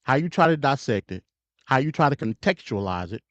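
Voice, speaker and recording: An animated, medium-pitched American man speaks fairly quickly, no room sound audible, while hosting a live stream. His political commentary is casual and opinionated, emphatic and slangy, with repetition and stutters in a chatty manner. The stream audio is dull and lo-fi.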